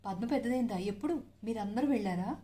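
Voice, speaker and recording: Guilty younger brother, middle-aged man, quiet, hesitant, storybook reading, voiced by a woman. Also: on the high side, fast, natural voice.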